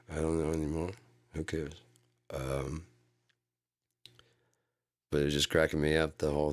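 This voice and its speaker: A man's voice: a bass voice, darkish tone. A man in his forties rambling casually and profanely, easily amused, with a slight whistle on his S sounds. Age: 40s.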